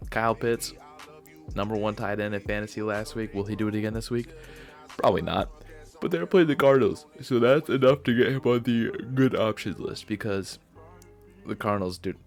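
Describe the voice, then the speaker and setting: Tired, rambling young-sounding man talking sports. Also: lowish voice. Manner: offhand, rambling, self-correcting, yawns while talking. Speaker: sports video host. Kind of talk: casual solo sports predictions.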